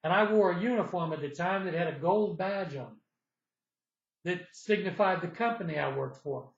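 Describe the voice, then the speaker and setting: A man's voice: sits high, normal speed, gravelly. A man in his sixties from the United States, telling a personal story in a rambling way and acting out what people said. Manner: rambling, repeats himself, acts out dialogue in the retelling. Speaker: vlogger. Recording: echoey, slightly dull room sound.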